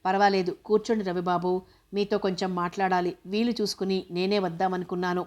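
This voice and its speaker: A woman reading a teasing, quick-witted young woman. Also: lowish voice, close to an everyday voice. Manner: teasing, bright and lively.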